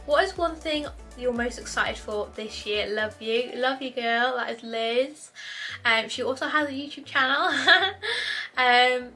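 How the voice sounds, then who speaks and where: Bright, chatty young British woman. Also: fairly high pitch. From United Kingdom. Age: 20s. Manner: chatty and upbeat, repeats words often. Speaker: YouTuber. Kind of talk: casual Q&A chat to camera.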